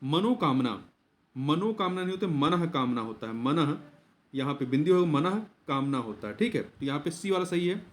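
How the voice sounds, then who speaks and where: Man drilling Hindi test answers, slightly high. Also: expressive, normal speed. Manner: repeats key words and asks then answers his own questions. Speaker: exam coaching teacher. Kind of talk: explaining Hindi exam answers.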